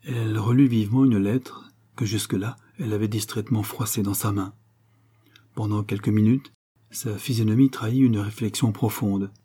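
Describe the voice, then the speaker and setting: A man with a husky voice reading a novel aloud in a measured storytelling manner. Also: lowish voice, fairly even intonation, warm tone. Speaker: audiobook reader. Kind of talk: scripted narration of a novel.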